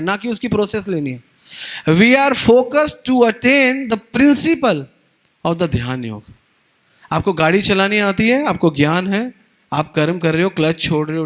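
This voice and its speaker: Animated high-voiced male preacher. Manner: animated, acts out dialogue, mixes in English words. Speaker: preacher at a devotional retreat. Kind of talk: Hindi devotional lecture.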